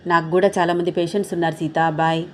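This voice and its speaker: A woman voicing a loving young husband who gently soothes his tearful wife, in a soft, coaxing tone. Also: on the low side, level tone, fast talker, slight background noise, natural voice. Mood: tender reassuring.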